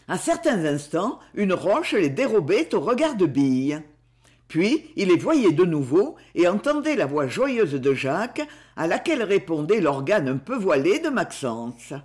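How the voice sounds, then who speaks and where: A man reading a novel aloud as narrator in an expressive, theatrical way. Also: high-pitched. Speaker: audiobook reader. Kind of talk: scripted narration.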